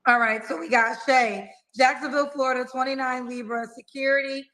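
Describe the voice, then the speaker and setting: Brisk high-voiced woman host. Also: fairly even intonation, bright, forceful tone. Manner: brisk, direct questions. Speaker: dating show host. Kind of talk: interview-style questioning.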